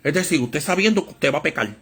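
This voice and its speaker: A man preaching a Bible study sermon, with a lively storytelling manner that acts out voices in anecdotes. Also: a little high, fast, breathy edge.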